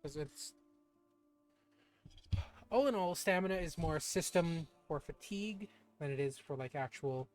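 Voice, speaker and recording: A man giving casual let's-play commentary in a slightly high voice. He rambles loosely and drops the odd swear while he explores. Soft game music plays beneath him. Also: measured pace, pauses often. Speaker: gaming streamer.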